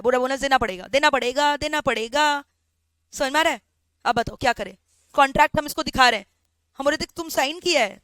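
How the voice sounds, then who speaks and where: A woman's voice: sits high, no room sound. A woman teaching a law class, acting out both sides of a story and often checking whether students follow. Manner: animated, acts out both sides of a story, asks "samajh mein aa raha hai?".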